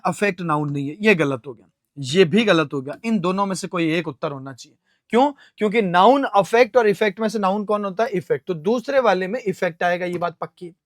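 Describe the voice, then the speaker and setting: High-voiced Indian man teaching vocabulary. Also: dry recording, studio quality. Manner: explains step by step, asks and answers his own questions; spells words out slowly letter by letter. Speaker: English teacher. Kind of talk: classroom vocabulary lesson.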